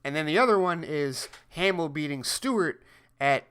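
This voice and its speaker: A man's voice: fairly high pitch, animated, moderate pace, a bit bright, smooth. A man co-hosting a podcast in casual chat, rambling with repeated words and restarts and frequent laughs. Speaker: podcast co-host.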